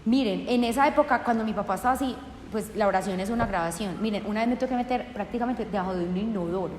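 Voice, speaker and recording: A woman's voice: medium pitch, quick pace, a little mellow, a little hiss or hum. A woman sharing a personal faith testimony with an audience, earnest and acting out remembered conversations. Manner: earnest, acts out remembered dialogue. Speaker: speaker giving a testimony. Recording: echoey hall with long reverb.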